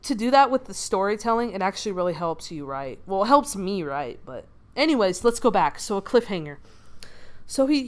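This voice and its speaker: A woman casually telling a dream story while she doodles, rambling with many fillers, giggles and swears. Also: mid-range voice. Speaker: channel creator.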